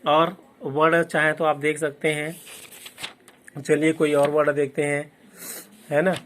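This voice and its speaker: A man's voice: a little high, flat delivery, fairly bright tone, slight background noise. Man teaching, "है ना" after each point. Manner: says "है ना" after nearly every point, slows to spell out English words. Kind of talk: classroom lesson explaining a dictionary.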